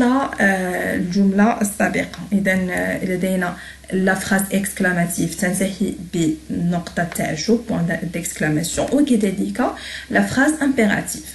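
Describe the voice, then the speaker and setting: A woman's voice: mid-range voice, gravelly, a little mellow. Echoey woman teaching French grammar. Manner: slow, careful reading of French examples, quicker explanations with fillers. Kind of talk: explaining grammar to learners.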